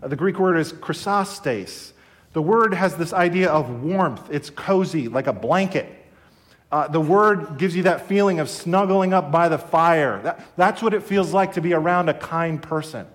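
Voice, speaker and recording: A man's voice: fairly high pitch, unhurried. A middle-aged man preaching a sermon as a pastor, earnest and conversational with his congregation.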